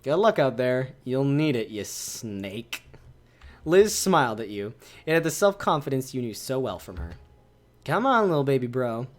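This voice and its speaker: A man's voice: medium pitch, big pitch swings, moderate pace. A male streamer reading a visual novel aloud, reacting animatedly to its choices.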